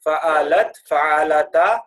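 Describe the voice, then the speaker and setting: ایک مرد استاد کلاس میں عربی فعل کے صیغے پڑھاتا ہے، انگریزی اصطلاحات ملا کر بولتا ہے اور طلبہ سے صیغے دہرواتا ہے۔. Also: male voice, on the high side. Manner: chants verb forms and has students repeat; mixes English grammar terms into his speech. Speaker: Arabic grammar teacher. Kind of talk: classroom lesson with recitation drills.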